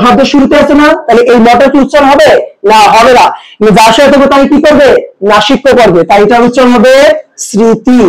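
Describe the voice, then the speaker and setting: High-voiced man teaching. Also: rough recording. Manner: asks students rhetorical questions, repeats key words slowly. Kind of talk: pronunciation lesson.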